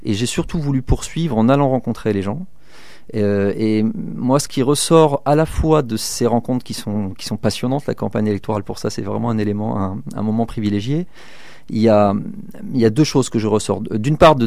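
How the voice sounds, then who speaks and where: A man's voice: on the low side, moderate pace, vocal fry, darkish tone, no echo. A man in his thirties from northern France, a local election candidate answering interview questions hesitantly, with many fillers and restarts. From southern Manche, France. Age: 30s.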